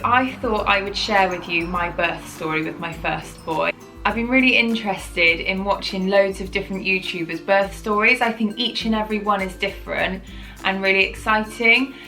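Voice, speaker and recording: A woman's voice: medium pitch, pushed and bright, rough recording. A woman, telling her own story to camera in a chatty, rambling way, often correcting herself. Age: 30s. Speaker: parenting vlogger.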